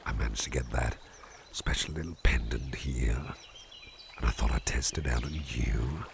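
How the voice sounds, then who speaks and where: In a slow, intimate ASMR roleplay, a man plays a calm, playful businessman boss hypnotizing his employee with a pendant, in a mood that feels curious and playful. His very deep, gravelly voice stays soft, soothing and unhurried, frequently dropping close to a whisper, with background noise present.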